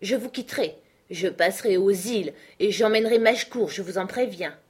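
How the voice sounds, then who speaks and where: A woman's voice: medium pitch, moderate pace, a little mellow, breathy edge. A woman reader voicing a carefree, swaggering young man who answers his sister with mock politeness. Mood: mock-polite, airy. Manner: airy, mock-polite, sing-song.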